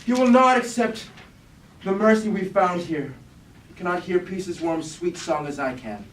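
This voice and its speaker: A man with a high-sitting, slightly slow voice voices a guilt-haunted, war-weary robot warrior leader, grave and solemn, declaiming like Greek tragedy at a staged reading. The mood is sorrowful and brooding, and the distant recording in an echoey room carries hiss.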